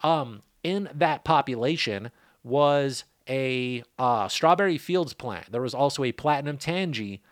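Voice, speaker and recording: A man's voice: medium pitch, expressive, a little slow, dry recording. Laid-back middle-aged man hosting a podcast, chatty and rambling, on a dry close mic. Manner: rambling, loose, joking asides. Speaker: podcast host, cannabis grower. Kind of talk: casual rambling chat.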